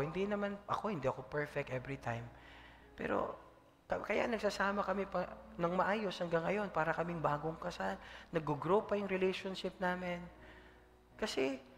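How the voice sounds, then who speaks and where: Animated pastor preaching in a hall. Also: male voice, fairly high pitch, slight background noise. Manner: lively preaching, mixing in English, often asking the room "Amen?". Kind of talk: sermon.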